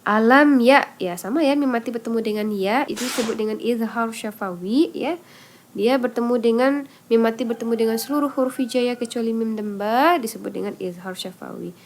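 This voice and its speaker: A woman with a fairly high voice teaching Quran recitation. She explains patiently and step by step, asking questions and answering them herself. She lingers on each example syllable, stretching it out slowly. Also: slight background noise. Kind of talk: online tajwid lesson.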